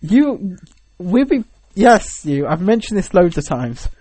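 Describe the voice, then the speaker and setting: His high, sing-song voice has a warm tone, and he takes things slowly in an echo-free recording. The young British podcast co-host rambles through casual chat, hesitant and jokey.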